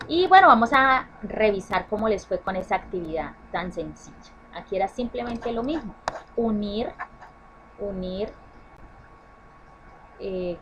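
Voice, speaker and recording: A woman's voice: mid-range voice, fairly bright tone, a little hiss or hum, rough recording. A woman teacher explaining a grammar lesson to children, often checking in with "¿sí?" and correcting herself as she goes. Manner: self-correcting restarts. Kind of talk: online class explanation.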